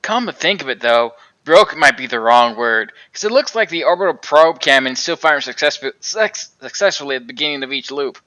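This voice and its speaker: A man voicing a calm, bright-toned alien traveler. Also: a little high, a little fast. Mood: thoughtful. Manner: laid-back, musing, gently teasing. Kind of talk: reading game dialogue aloud on a live stream.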